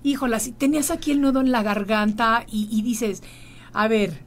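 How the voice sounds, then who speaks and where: A woman's voice: on the high side, fairly quick. A middle-aged woman, hosting an emotional interview and telling a personal story in an earnest, reflective way. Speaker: host.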